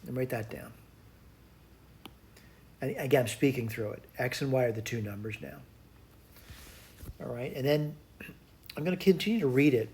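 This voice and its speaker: A man's voice: medium pitch, moderate pace, pauses often, darkish tone. A man giving an informal math lesson, thinking aloud hesitantly as he works through each step and repeats it. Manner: hesitant, self-talking, repeats and spells out steps. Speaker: math tutor. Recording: clear background noise.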